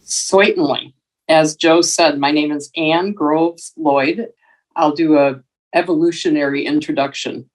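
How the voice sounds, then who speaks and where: A woman's voice: low-pitched, fairly even intonation, measured pace, distant mic, low-quality recording. Retired woman from wisconsin, a bit off-mic. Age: older. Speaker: guest. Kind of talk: casual conversation.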